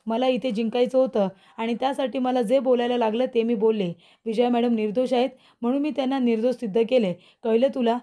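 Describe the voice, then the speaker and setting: A proud young woman in a serial drama snaps back and defends herself, as a woman narrator reads her. The voice is fairly high and soft in tone. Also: fairly even intonation, a little fast, hardly any pauses, lightly acted. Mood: defiant. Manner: defiant, retorting. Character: defiant young woman, proud and sharp-tongued.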